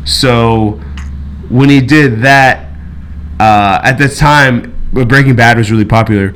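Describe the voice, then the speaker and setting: A man's voice: medium pitch, takes it slowly, fairly bright tone. Rambling, profane man telling a story. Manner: rambling, profane, with many fillers and restarts. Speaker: podcast co-host. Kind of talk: casual storytelling chat.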